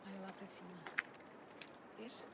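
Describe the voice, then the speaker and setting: A woman's voice: medium pitch, fairly even intonation, normal speed, creaky, very noisy, close to an everyday voice. An actress playing a patient, formally polite history professor from Portugal, explaining things to her daughter outdoors. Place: outdoors at an ancient site.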